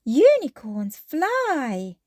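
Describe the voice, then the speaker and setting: Woman as Peppa Pig, high childlike girl piglet. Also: huge pitch swings, darkish tone, dry recording, clean studio sound, full character voice. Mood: sweet, sleepy. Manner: sweet, childlike, drawn-out phrases. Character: cheerful imaginative little girl pig playing a unicorn. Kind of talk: children's storybook read-aloud.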